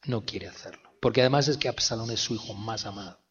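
A man preaching a sermon, swinging between loud, intense exclamations and hushed, whispered passages. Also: fairly low pitch, quick pace, breathy edge, dull audio. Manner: dramatic swings from shouting to whispering.

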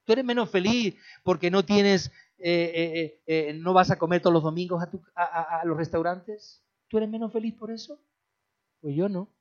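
Brief: male preacher with a high voice, repeats his points, folksy jokes, muffled lo-fi sound. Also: normal speed. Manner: repetitive, calls listeners "beloved", jokey asides. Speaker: pastor. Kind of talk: sermon. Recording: dull lo-fi recording.

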